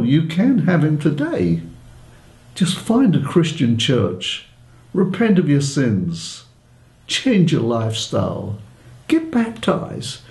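An earnest man in his eighties gives a heartfelt faith testimony. His voice is gravelly, mellow and a little high for a man. The room echoes around him. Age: 80s. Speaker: giving a testimony.

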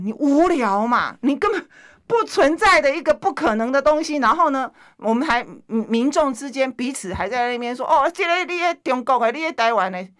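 Indignant high-pitched woman. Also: a bit bright. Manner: indignant, emphatic, fires off rhetorical questions. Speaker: legislator guest. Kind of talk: heated political talk-show commentary.

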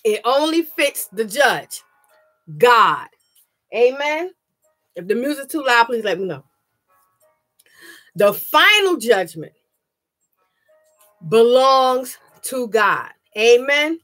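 Woman, pastor, sermon, higher-pitched, slightly scratchy throat, earnest, frequent amens. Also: very animated, takes it slowly, pauses often, a bit bright. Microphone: webcam. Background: music.

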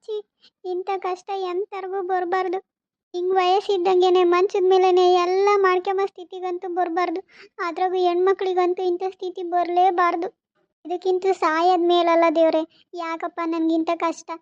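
Cartoon: woman doing a very high, flat, weepy sick young wife, dull lo-fi sound. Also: moderate pace, no echo. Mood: weeping. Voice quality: soft, weepy and quiet. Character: bedridden young wife, tearful and despairing. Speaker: cartoon voice actor. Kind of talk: cartoon voice acting. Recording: dull lo-fi recording.

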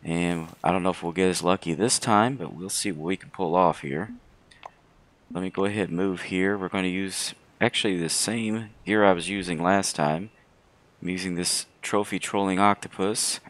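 Hoarse from throat trouble, a man hosts a gaming video with casual, unhurried commentary in a low voice that sounds slightly rough.

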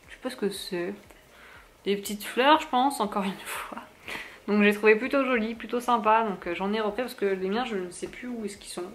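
A woman's voice: fairly high pitch, slight background noise. A young woman chatting casually through a shopping haul vlog at home, with many fillers and small laughs. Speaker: vlogger. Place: at home, moving to the kitchen.

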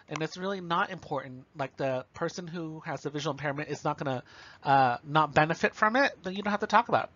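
A man's voice: on the high side, a bit bright, no room sound, lo-fi sound. A man giving a recorded lecture, explaining step by step and checking in with the listener. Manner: explanatory, checks in with okay and right.

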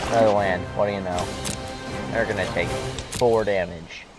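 Low-voiced young man, gameplay commentary. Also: normal speed. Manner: relaxed, wry, thinking aloud with fillers. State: hiccups. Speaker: gamer. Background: loud music.

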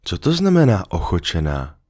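A man's voice: sits low, huge pitch swings, darkish tone, heavily acted. A man reading a storybook, voicing a small, curious boy prince who asks simple, sincere questions.

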